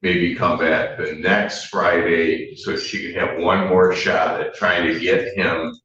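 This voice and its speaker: A man's voice: low-pitched, flat delivery, slow, fairly bright tone. A man arguing informally as a lawyer before a judge, blunt and admonishing. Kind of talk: informal courtroom argument. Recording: very echoey, distant, dull, faintly noisy.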